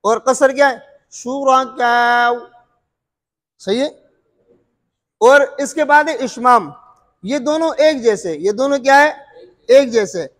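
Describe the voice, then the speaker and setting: A man's voice: extremely high pitch, lively intonation, unhurried, long pauses, fairly bright tone, big-room sound. A man teaching Quran recitation rules, repeating terms, quizzing his listeners and drawing out sung examples. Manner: frequent filler "what's it called". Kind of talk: explaining recitation rules to students.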